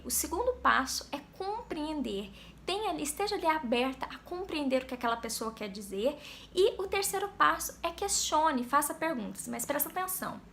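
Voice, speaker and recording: Brazilian woman coach on a live stream, high and bright, faint hiss behind, patient step-by-step explainer. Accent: Brazilian Portuguese. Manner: explains steps patiently, acts out sample dialogues. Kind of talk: live-stream talk answering chat.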